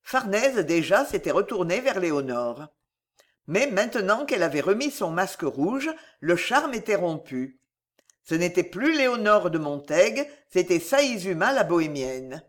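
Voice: medium pitch, very animated, unhurried. A narrator reading a historical adventure novel aloud with dramatic expression. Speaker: audiobook narrator.

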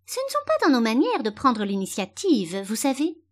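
A woman's voice: fairly high pitch, wildly swooping pitch, normal speed, voice pushed up. A woman voicing a prim, critical talking rose that speaks condescendingly and severely.

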